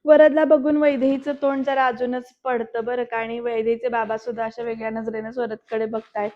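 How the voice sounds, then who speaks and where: A woman's voice: fairly high pitch, flat delivery, a little fast, dull audio. A woman giving a voice-over recap of a serial episode, telling the story scene by scene and often speaking straight to the viewers. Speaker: serial reviewer.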